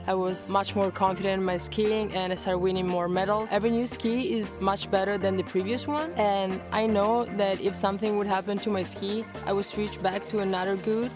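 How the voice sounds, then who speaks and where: Young woman, flat testimonial. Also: medium pitch, normal speed, hardly any pauses, over music. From Italy. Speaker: athlete in a sponsor ad. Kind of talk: scripted testimonial.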